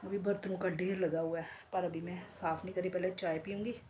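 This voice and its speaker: A woman in her forties vlogging casually from home in a chatty, relaxed way, talking straight to viewers, her throat a bit sore from a cold. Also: on the low side, fairly quick, noisy background. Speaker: beauty salon owner and vlogger. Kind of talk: casual home vlog chat. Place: home, indoors.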